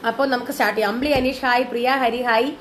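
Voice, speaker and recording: Woman, high voice, chatty live seller, slight English mix, has a cold, noisy background. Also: fairly even intonation, racing. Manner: chatty, mixing in English words. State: has a lingering cold and cough. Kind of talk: casual live sales chat, greeting viewers.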